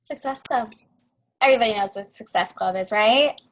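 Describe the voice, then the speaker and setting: Woman co-host, fairly high voice, upbeat chatty call delivery. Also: moderate pace, poor audio. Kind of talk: casual conference call.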